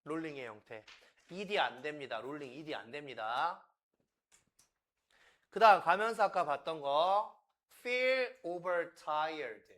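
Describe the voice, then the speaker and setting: A man's voice: fairly high pitch, lively intonation, unhurried, long pauses, fairly bright tone. A man teaching English for exam prep, animatedly acting out dialogue lines and repeating key points to his students.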